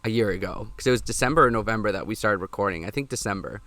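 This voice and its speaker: A man's voice: lowish voice, racing, a bit bright, dry recording. Candid young man, dry close sound. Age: 20s. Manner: candid, reflective, heavy on "like" fillers. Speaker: podcast co-host. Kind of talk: casual chat.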